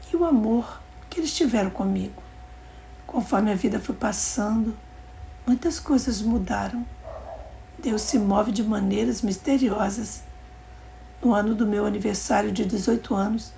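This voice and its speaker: A woman with a dark, mellow tone and a gravelly edge reads a religious testimony aloud. Her delivery is calm and measured, and it drops into soft, hushed passages at points. A faint hiss sits under the voice. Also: mid-range voice. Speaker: narrator of a religious channel.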